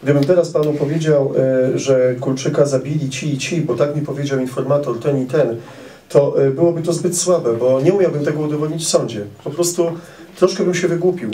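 Pitched fairly high but dark in tone, the voice comes from a middle-aged author answering audience questions at a public meet-the-author event, using a handheld mic. He's measured and precise, hesitating often with many "e" fillers, and the indoor hall sounds roomy since the camera sits some distance away.

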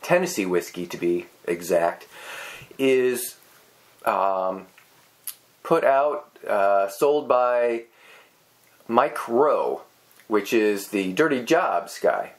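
A middle-aged man co-hosting a casual whiskey tasting chat, rambling and hesitant with many pauses and restarts. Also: lowish voice, expressive. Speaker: co-host.

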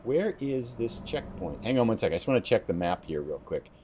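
A man hosts a let's play, giving relaxed, chatty commentary and thinking aloud as he drives through the game. His voice is fairly low with a breathy edge, and he talks fairly quickly.

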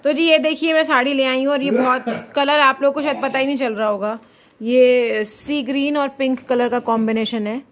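This high, steady-toned woman in her thirties talks at a moderate pace while casually vlogging on a phone held at arm's length. She narrates in Hindi sprinkled with English words, moving from outdoors by a garden to her home and then into a busy shop.

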